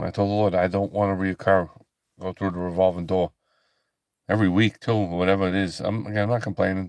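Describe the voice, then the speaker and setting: A tired man hosts a late-night ministry livestream, chatting casually with viewers in a low, calm, relaxing voice. He speaks slowly, softly and haltingly, with many pauses, fillers and restarts. The sound is clean studio audio with no room sound.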